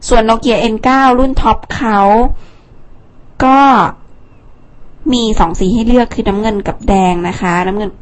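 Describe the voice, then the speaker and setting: Chatty higher-voiced woman host. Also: unhurried, long pauses. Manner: chatty, thinks aloud with fillers and asides. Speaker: tech show host. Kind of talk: casual product rundown.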